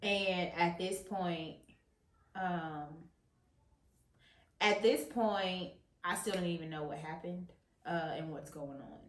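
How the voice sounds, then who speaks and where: A woman telling her birth story in a casual, halting way. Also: fairly low pitch. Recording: roomy sound.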